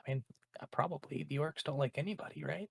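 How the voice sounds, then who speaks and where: A man playing a tabletop role-playing game, chatting casually and haltingly as he thinks through his character's moves aloud. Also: on the high side, gravelly, slightly rough, dry recording, studio quality.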